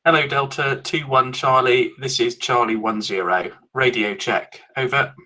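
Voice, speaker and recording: A man's voice: mid-range voice, steady tone, a little slow, bright, forceful tone, poor audio. A man heard over a walkie-talkie, giving call signs and a radio check in short, clipped voice procedure. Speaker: instructor demonstrating radio procedure.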